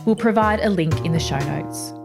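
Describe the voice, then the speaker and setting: Brief: female podcast host, measured read, loud music underneath. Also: lowish voice, gravelly. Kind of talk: scripted podcast intro. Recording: loud music bed behind voice.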